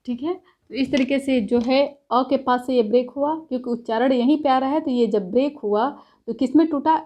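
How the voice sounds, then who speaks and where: A woman teaching a lesson, explaining step by step, asking herself questions and pausing often to check in. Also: high voice, mellow. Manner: says "ठीक है" after points. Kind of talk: classroom lecture.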